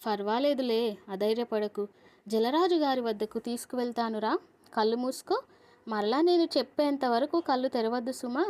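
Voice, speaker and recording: A woman voicing a kindly male lake spirit in a storybook, speaking gently and reassuringly. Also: on the high side, normal speed, close to an everyday voice.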